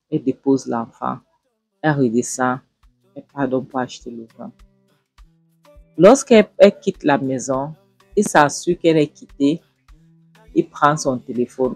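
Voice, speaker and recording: A man retelling a drama series scene by scene and then commenting on it, speaking straight to his viewers in a lively storytelling way. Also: mid-range voice, gravelly, slightly rough, no room sound. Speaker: series reviewer.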